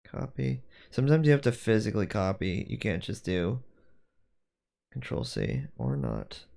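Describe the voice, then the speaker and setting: Gravelly man thinking aloud on stream. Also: on the low side, wildly swooping pitch, moderate pace, dark tone. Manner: rambling, self-correcting, thinking aloud. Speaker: streamer doing 3D design. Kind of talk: casual livestream chat while working.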